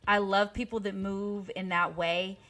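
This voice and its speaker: A woman's voice: medium pitch, level tone, a little slow, a bit bright. A woman hosting a casual podcast interview, upbeat and swearing freely. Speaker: podcast host.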